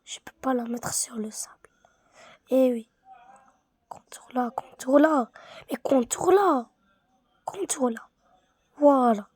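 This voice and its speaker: Slow, half-whispering woman gamer. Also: high-pitched, darkish tone, husky, dry recording. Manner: half-whispered muttering to herself, repetitive, easily bored. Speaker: gaming streamer. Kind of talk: casual gameplay commentary.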